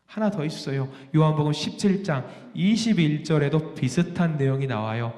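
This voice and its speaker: Male pastor with a fairly high voice, sermon recorded in a roomy church sanctuary, engaging and jokey with the congregation. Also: moderate pace, a little mellow. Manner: asks the congregation questions and jokes with them; repeats key phrases with rising emphasis. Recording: echoey hall with long reverb.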